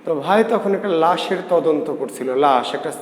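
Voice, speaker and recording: Man, teacher, call-and-response drilling, slightly high voice, long reverb. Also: moderate pace. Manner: animated, drills students with call-and-response questions. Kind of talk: spoken mnemonic lesson. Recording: echoey room with faint ambience.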